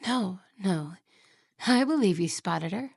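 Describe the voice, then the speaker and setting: Heavily acted and expressive, a woman's mid-range voice portrays a jealous, possessive young wife in an ASMR roleplay. Soft, slow and whispery with giggles, she purrs her words with a gravelly, creaky edge and sinks into hushed whispers, sounding sweet but quietly menacing, close to a dry, dead microphone with no room sound.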